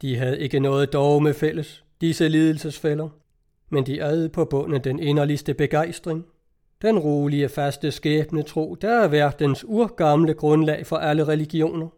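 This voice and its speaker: A man narrates a novel in a measured, even way. His voice sits a little high for a man, yet it has a warm, mellow tone. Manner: measured, even storytelling delivery. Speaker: audiobook reader.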